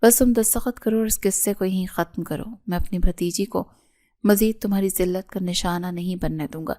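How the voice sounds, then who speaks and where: A woman's voice: lowish voice, steady tone, mellow, close to an everyday voice. A woman reading the lines of a stern, sarcastic older head of the family.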